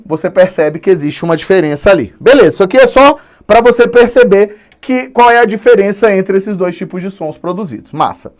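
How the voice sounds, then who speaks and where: A man with a Brazilian Portuguese accent teaching an online grammar lesson, playful and drawing out key words for emphasis. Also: sits high. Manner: playful, slips in English and Spanish words.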